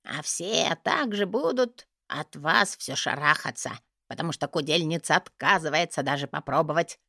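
Grumbling theatrical mage, low creaky voice, lively swoops, as a woman narrator puts him on. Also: measured pace, no echo, studio quality, heavily acted. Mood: theatrical whiny. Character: fussy theatrical male mage, whiny.

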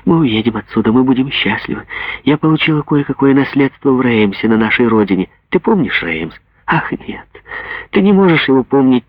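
A man voicing a distraught old recluse mother in an audiobook, with a husky, gravelly voice. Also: medium pitch, no echo, pitched above the performer's own voice. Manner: pleading, swinging between rapture and terror. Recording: dull lo-fi dry recording.

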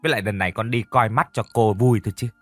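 A man's voice: lowish voice, racing, a bit bright, breathy edge, no echo, faint music behind. A man voicing a young woman niece who argues back and then pleads in a told story. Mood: defiant. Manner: pleading, defiant, sobbing speech.

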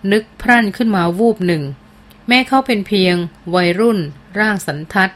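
A woman's voice: medium pitch, moderate pace. Woman reading a novel aloud. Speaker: audiobook narrator. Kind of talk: scripted narration of a novel.

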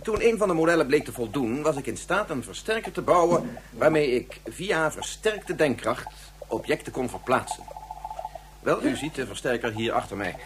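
An actor in a science fiction radio play voices Yukio, a precise male scientist who goes from pedantic lecturer to distraught father, speaking in a formal, pedantic way. His medium-pitched, natural voice is very animated at a moderate pace. The recording is noisy with hum.

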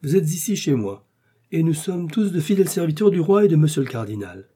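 A man voicing a bold young swordsman who gives orders in a raised, forceful voice. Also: a little high, big pitch swings, brisk, breathy edge, voice pushed up. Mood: commanding.

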